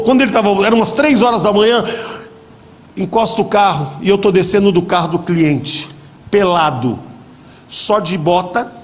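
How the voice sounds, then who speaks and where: A man preaching a dramatic testimony at a church convention, acting out the voices in his story. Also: sits high. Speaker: pastor. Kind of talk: sermon testimony.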